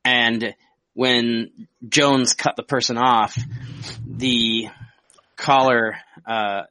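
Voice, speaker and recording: A man with a gravelly voice who is sick, chatting casually as a podcast co-host. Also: mid-range voice, steady tone, very slow, pushed and bright, dry recording, poor audio.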